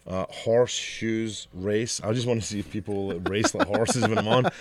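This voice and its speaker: A man's voice: lowish voice, moderate pace, crowd noise. A man co-hosting a podcast in crude, casual chat, laughing often. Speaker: podcast co-host.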